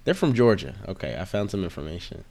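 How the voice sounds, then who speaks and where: A man's voice: deep voice, very animated, quick pace, warm tone. A man co-hosting a casual podcast, laid-back and rambling, with lots of fillers. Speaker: podcast co-host. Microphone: home mic through voice chat.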